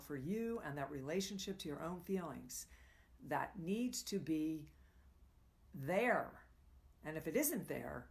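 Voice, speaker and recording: A middle-aged woman talks fast through a live coaching session, rambling and correcting herself mid-sentence. Her voice sits fairly low. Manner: fast, rambling, with self-corrections and quoted readings. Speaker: tantra coach. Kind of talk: live-streamed coaching talk.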